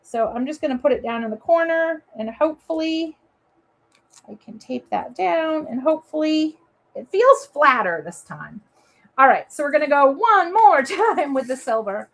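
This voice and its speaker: A woman's voice: sits high, sing-song, normal speed. A woman from Maine with a Maine accent, hosting a live papercraft demo and chatting to viewers as she works. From Maine, USA. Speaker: papercraft show host. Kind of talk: live crafting demo chat.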